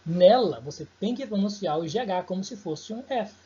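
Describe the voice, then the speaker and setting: A man's voice: high voice, lively intonation, moderate pace, warm tone, dull audio. A man teaching English pronunciation in an informal online lesson who corrects his own slips as he goes.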